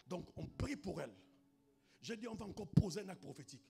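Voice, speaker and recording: High-voiced man preaching with fiery swings. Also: expressive, fairly quick, vocal fry. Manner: swings between hushed storytelling and shouted proclamation; punctuates with exclamations to the congregation. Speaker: pastor. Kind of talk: sermon with storytelling.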